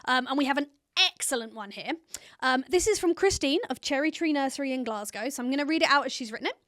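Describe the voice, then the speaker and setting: A woman's voice: high-pitched, expressive, quick pace, fairly bright tone, dry recording, studio quality. A woman co-hosting a podcast, chatting with a guest and gushing with enthusiasm. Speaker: podcast co-host. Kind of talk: casual podcast chat.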